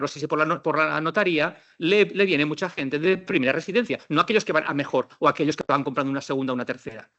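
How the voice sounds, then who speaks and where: A middle-aged man from Spain giving a lively, ironic conference talk on housing law, acting out quoted dialogues. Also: fairly high pitch, highs cut off.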